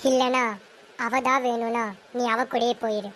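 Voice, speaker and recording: A woman's voice: a little high, flat delivery, measured pace, a bit bright, a little hiss or hum. A woman playing a stern, domineering mother who talks in commands and threats, in a homemade serial drama. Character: stern domineering mother, woman, forcing her son's marriage.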